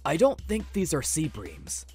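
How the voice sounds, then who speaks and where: A woman's voice: low-pitched, big pitch swings, a little slow, darkish tone, soft background music. A woman voicing a diner at a sushi restaurant in a dubbed cartoon. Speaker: voice actor.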